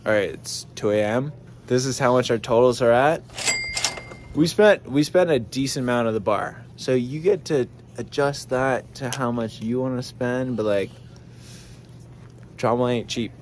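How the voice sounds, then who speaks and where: A man's voice: mid-range voice, moderate pace, very noisy. A man in his twenties hosting a casual, joking vlog, talking straight to a handheld camera and swearing casually. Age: 20s. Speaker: vlogger and host. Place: ski hill outdoors and indoor lodge rooms. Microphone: handheld action camera at arm's length.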